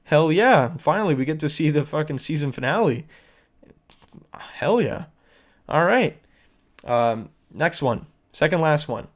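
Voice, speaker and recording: A man's voice: on the high side, animated, a little slow, long pauses. A man hosting his own podcast, rambling through internet videos in casual, profane, sarcastic commentary. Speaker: podcast host.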